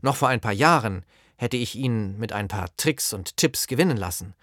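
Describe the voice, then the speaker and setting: A man narrating with wry, lively intonation. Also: lowish voice, dry recording, studio quality. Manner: wry, deliberate, with playful rhetorical questions. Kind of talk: scripted narration of a personal column.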